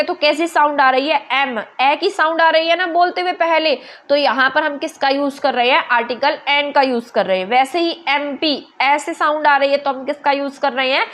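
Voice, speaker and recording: A woman teacher with a Hindi accent explaining grammar step by step, asking and answering her own questions and spelling letters out slowly. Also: high voice, a bit bright. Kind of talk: online grammar lesson.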